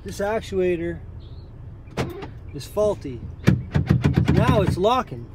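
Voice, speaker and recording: A man's voice: high-pitched, sing-song, slow pace, very noisy. A man in his thirties, an auto technician, explaining a repair step by step in a casual how-to voice from inside a parked car, recorded on a phone held close.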